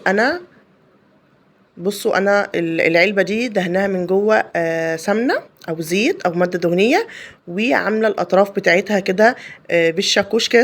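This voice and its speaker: Fast, chatty Egyptian woman cooking host. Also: mid-range voice. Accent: Egyptian Arabic. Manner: chatty and explanatory, many fillers and restarts. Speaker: home cooking channel host. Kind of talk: casual cooking tutorial voice-over.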